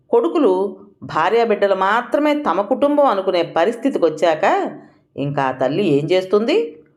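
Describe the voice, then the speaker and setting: A woman's voice: medium pitch, a little mellow, voice pushed up, close to an everyday voice. A woman reading an audio story, voicing a firm elderly mother who speaks sternly to her son.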